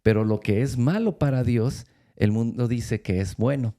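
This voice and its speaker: Man, church speaker, gravelly, very dark tone, storytelling with halting restarts. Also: mid-range voice. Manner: storytelling with many pauses and restarts. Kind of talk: faith-based storytelling talk.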